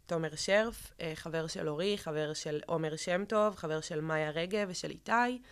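A woman's voice: sits low, clear, resonant tone. Young woman telling a painful story. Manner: halting, many fillers and restarts. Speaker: guest. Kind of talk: emotional personal account in an interview.

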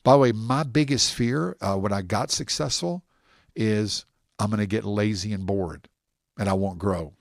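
Male interview guest; lower voice, animated rambling storyteller, dry close sound. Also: normal speed, creaky, no room sound. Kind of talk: casual interview talk.

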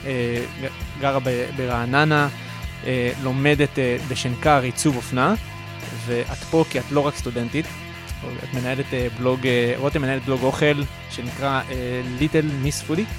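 A man hosting a casual radio-studio podcast interview, eager and excitable, with rambling questions. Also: mid-range voice, over music. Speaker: podcast host.

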